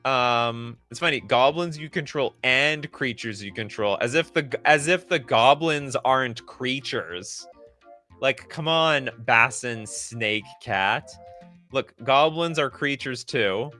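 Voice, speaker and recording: A man streaming live, reacting loudly and sarcastically while rating cards and answering chat. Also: mid-range voice, slow pace, faint music behind.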